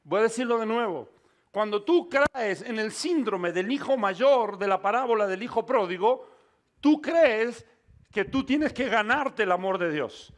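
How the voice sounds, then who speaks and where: High-voiced man preaching emphatically. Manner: emphatic, addresses the listener directly, swells to loud climaxes. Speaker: pastor. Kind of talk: preaching a sermon.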